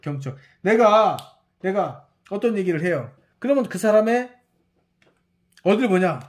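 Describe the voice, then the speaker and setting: A university professor giving a recorded lecture, repeating key words and checking understanding with quick rhetorical questions while writing on screen. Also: medium pitch, animated.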